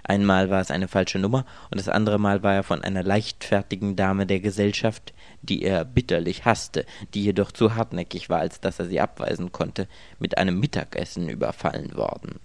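A man reading a story aloud as its narrator, telling it in a wry, expressive way. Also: low-pitched, normal speed, vocal fry, no room sound. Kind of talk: scripted audiobook narration.

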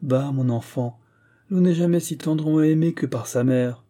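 A man's voice: a little high, moderate pace, warm tone, voice pushed up, natural voice. A man voicing a fussy, doting older shopkeeper's wife who chatters on to her daughter, in a storybook reading. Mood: fussing.

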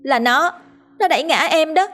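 Shrill whiny little girl, as a woman puts her on. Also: moderate pace, a bit bright. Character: spoiled crying little girl.

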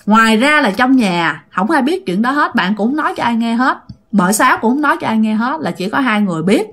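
A woman's voice: a little high, animated, a little fast, fairly bright tone. A woman telling a ghost story in a chatty, repetitive way, speaking directly to her listeners.

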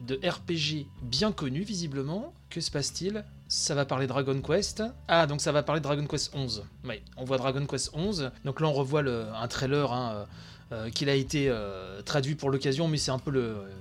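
A tired man with a young son hosting a games channel, giving excited live reaction commentary late at night, with lots of fillers and outbursts. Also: mid-range voice, normal speed. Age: adult with young son. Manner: excitable, chatty, many fillers. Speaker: video game channel host.

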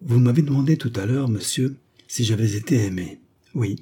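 A man's voice: mid-range voice, moderate pace, warm tone, breathy edge, voice pushed up, lightly acted. A man voicing a melancholy young woman accused of a crime, telling her story in a sorrowful then firm way.

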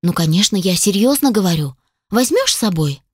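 A woman's voice: medium pitch, very animated, moderate pace, no room sound, clean studio sound. Woman playing a feisty sarcastic young heroine. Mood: pleading. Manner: raised pleading, snappy voice.

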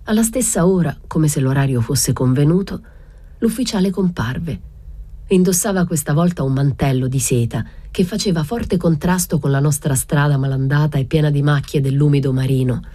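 A woman reading a literary novel aloud in a measured way, raising her pitch for the village women's voices. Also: warm tone, breathy edge, no echo. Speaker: reader.

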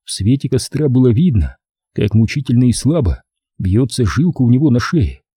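A man narrating an audiobook in an expressive storytelling manner. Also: medium pitch, normal speed, husky, no echo, clean studio sound. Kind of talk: audiobook reading.

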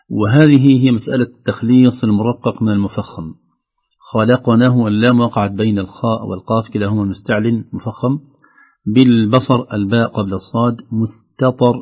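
A man teaching Quran recitation on the radio, explaining carefully and demonstrating words slowly. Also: fairly low pitch, slightly rough. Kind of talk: instructive radio discussion. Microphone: studio microphone. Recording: slightly dull radio studio sound.

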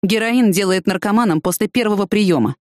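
A blunt young man with a quick temper talks in a plain, gruff, matter-of-fact way. A woman narrator gives him lines in an audiobook, keeping her voice mid-pitched and recorded dry and close. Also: no room sound, natural voice. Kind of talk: audiobook reading.

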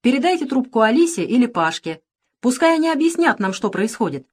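A woman's voice: fairly high pitch, sing-song, a little fast, pitched above the performer's own voice. A woman voicing a male starship officer calling over the radio in a formal, commanding manner. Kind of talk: audiobook character voice.

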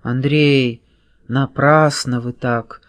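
A reader voicing a calm, persuasive French detective. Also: male voice, mid-range voice, drawn-out words, no room sound.

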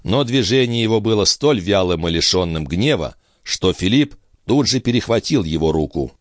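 A man reading a novel aloud as an expressive audiobook narrator. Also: on the low side, normal speed, no room sound, clean studio sound. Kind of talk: scripted narration of a classic novel.

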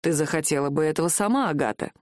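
A woman's voice: sits low, animated, quick pace, darkish tone, no echo, clean studio sound, voice pushed down. Woman voicing a grim, cold male wizard. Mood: calm.

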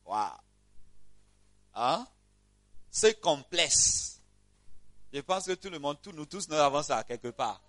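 Bright, high-voiced man preaching. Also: lively intonation, slow, pauses often. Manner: emphatic preaching, swings from loud cries to quiet asides; calls out to the congregation. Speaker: pastor. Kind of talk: church sermon. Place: church.

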